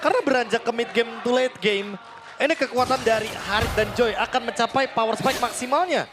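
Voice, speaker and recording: An Indonesian man gives analytical commentary on a live esports match. His voice is high for a man. Loud music runs behind him throughout. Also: a little fast.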